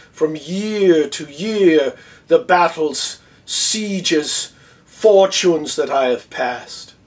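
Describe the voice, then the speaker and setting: A man playing a proud, dignified general in a theatrical Shakespeare monologue, speaking in a measured, stately way with long pauses and hushed phrase endings. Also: on the high side, distant mic. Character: Othello, proud dignified male general defending his love.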